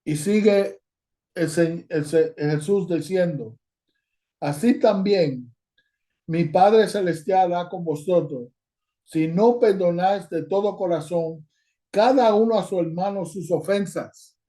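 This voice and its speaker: A male guest preacher delivers a sermon over a video call with a fairly high, mellow voice. He reads scripture aloud at length and then turns to address the congregation directly as brothers. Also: takes it slowly.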